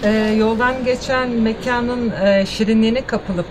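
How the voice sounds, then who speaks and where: A woman's voice: a little high, steady tone, a little slow, background noise. A woman in her forties, a cafe owner, answering interview questions confidently and gesturing as she explains. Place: outdoor cafe terrace.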